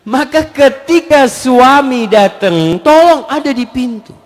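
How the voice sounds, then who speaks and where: A man's voice: extremely high pitch, slow. A man preaching in a question-and-answer lecture, joking with the audience and acting out scenes between husbands and wives. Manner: lively, acts out husband-and-wife exchanges; jokes with the audience. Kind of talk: Islamic Q&A lecture.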